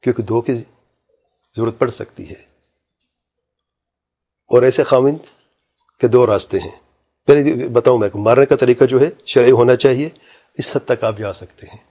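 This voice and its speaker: Male cleric, husky dark voice, emphatic lecture with recited verses. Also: mid-range voice, long pauses. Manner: emphatic, quotes Quranic Arabic, rhetorical questions. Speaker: Islamic scholar answering a question. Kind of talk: religious lecture.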